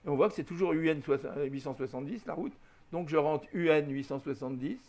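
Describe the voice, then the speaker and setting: A man with a slightly high voice talks through a screen-recorded flight simulator lesson. He explains step by step in a loose, conversational way, spells out waypoint letters one by one and mutters small corrections at his own slips. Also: brisk, darkish tone. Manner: chatty and patient, spells out letters, corrects himself with small sighs. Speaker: flight simulator tutorial host. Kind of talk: casual screen-recorded tutorial.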